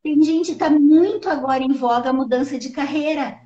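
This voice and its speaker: A woman hosting a casual live-stream conversation, lively and swooping in pitch as she explains. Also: moderate pace. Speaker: live show host. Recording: roomy, slightly dull live-stream audio.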